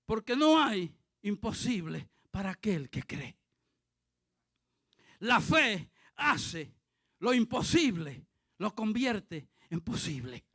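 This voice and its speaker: A male pastor preaching a fervent sermon, dotting it with hallelujahs and rising to shouts. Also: sits high, big pitch swings, slow pace, pauses often, no room sound, clean studio sound. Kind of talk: impassioned sermon.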